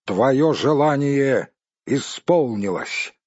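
A man's voice: medium pitch, expressive, drawn-out words, darkish tone, husky, no room sound, full character voice. A man doing a stern old wizard. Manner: stern and commanding. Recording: dull dry recording.

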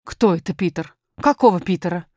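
A woman's voice: lowish voice, a little fast, dark tone, dry recording, clean studio sound, close to an everyday voice. A woman reading a storybook, voicing a fretful nursemaid who fusses and complains. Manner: fussy, complaining. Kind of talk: audiobook character voice.

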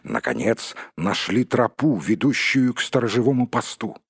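Husky-voiced male narrator, dry and close, steady storybook reading. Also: medium pitch, normal speed, no room sound. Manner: steady storytelling, addresses listener. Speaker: audiobook narrator. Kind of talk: scripted narration.

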